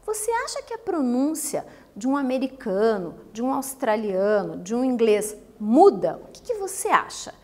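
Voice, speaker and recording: A woman from Brazil teaches a recorded lesson and keeps putting questions to her students. Her voice is high and swings widely in pitch. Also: moderate pace, few pauses. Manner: lively, asks the students questions. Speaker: English teacher.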